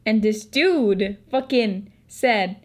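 A woman's voice: medium pitch, drawn-out words, darkish tone. Brief: woman, 20s, Filipino accent, candid and profane storytelling vlogger. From Philippines. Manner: swears a lot, chatty and candid. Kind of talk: casual storytelling.

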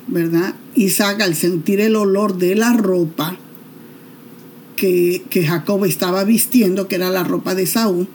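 A woman retelling a Bible story in relaxed, conversational storytelling. Her voice is mellow and warm, and she keeps dropping chatty asides and filler tags. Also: medium pitch, a little hiss or hum.

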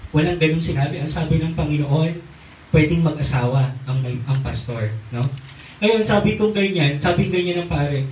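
A man's voice: on the high side, a little hiss or hum. A man preaching a sermon in church on a handheld mic, peppering his talk with hallelujahs and amens. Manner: call-and-response, frequent hallelujahs and amens. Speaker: pastor. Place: church hall. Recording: echoey church recorded from far off.

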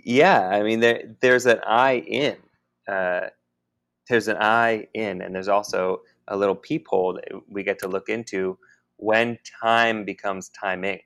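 A man co-hosting a podcast, talking in a halting, musing way with many restarts. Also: lowish voice, fairly even intonation, a bit bright. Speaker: podcast co-host. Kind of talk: casual spiritual conversation.

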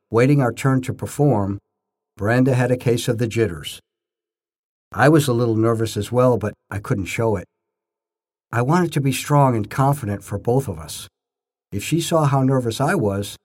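An older man tells his own scripted first-person stories in short, measured phrases, stressing words like a storyteller. His mid-range voice is expressive, husky and darkish in tone.

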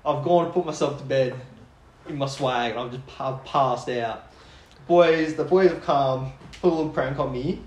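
A man's voice: medium pitch, normal speed, darkish tone. A young man with an Australian accent chatting as a podcast guest in a blokey, laconic, slangy way. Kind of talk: casual chat and anecdote. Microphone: phone lying on table. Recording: echoey room, faint background noise.

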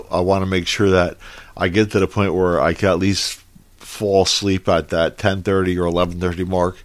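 A middle-aged man talking candidly and haltingly about his own life, his words slightly numb-mouthed, as if he had marbles in his mouth. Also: low voice, dry recording. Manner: halting, hesitant. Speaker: podcast host. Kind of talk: candid personal monologue.

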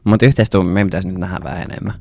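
A man's voice: sits low, steady tone, vocal fry, a little mellow. A young man co-hosting a casual podcast chat, swearing freely and acting out stories with quoted dialogue. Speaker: podcast co-host.

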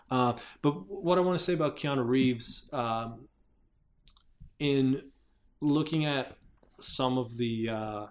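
Male podcast co-host, mid-pitched, meandering storyteller who restarts sentences often. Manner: rambling, hesitant, lots of fillers and restarts. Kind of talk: casual chat.

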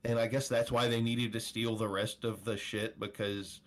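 A man's voice: fairly low pitch, flat delivery, normal speed. A man co-hosting a casual movie podcast, recapping plot points and agreeing with the others. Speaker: podcast co-host. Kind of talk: casual movie review chat.

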